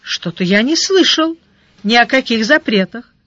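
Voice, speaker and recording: A narrator voicing a calm, ironic warrior lord in an audiobook, unhurried and lawyerly. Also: mid-range voice, dry recording, close to an everyday voice. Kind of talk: audiobook character voice. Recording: dull lo-fi dry recording.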